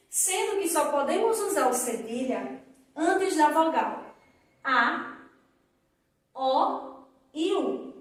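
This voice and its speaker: A woman teaching young children in a recorded lesson, drawing out example words slowly for them to repeat. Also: sits high, a little mellow. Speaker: primary school teacher. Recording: echoey room, voice from a distance.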